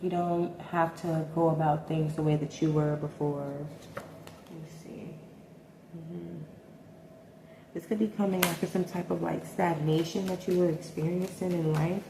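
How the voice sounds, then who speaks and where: A woman's voice: on the low side, creaky. A woman giving a casual tarot reading, thinking aloud and hesitating often. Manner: hesitant, thinking aloud with many ums and likes. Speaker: tarot reader. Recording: echoey room with faint noise.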